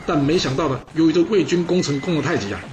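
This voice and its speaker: A man telling a history story in a casual, lively, exclamatory way with chatty asides. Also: a little high, fast talker, background noise.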